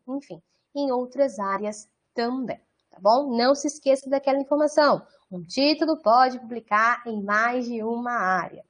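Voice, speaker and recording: A Brazilian woman giving an online training session, explaining things step by step and often checking in with her listeners. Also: fairly high pitch. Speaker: product trainer.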